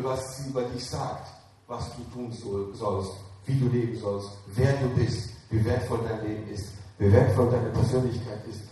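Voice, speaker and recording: A man's voice: on the high side, a little mellow, a little hiss or hum. A man preaching to young people, urging them directly with commands and questions. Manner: emphatic, addresses listeners directly with commands and questions. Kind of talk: sermon. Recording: echoey hall, voice from a distance.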